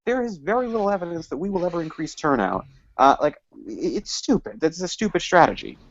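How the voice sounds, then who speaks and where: A man being interviewed on a podcast, talking in emphatic, animated bursts. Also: on the high side, fairly quick, no room sound. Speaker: guest, party office candidate. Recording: dull lo-fi dry sound.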